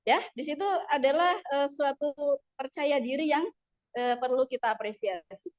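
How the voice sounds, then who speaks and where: A woman's voice: high voice, normal speed, lo-fi sound. A woman teaching an Arabic class, patiently explaining the rules and modelling pronunciation. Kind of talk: classroom instruction.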